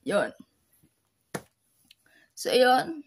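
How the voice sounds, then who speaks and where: Woman online seller, soft teary-sounding voice, slightly high and breathy, halting casual delivery. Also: huge pitch swings. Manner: slow, halting, with many fillers. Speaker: online seller sharing tips. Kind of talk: casual vlog talk.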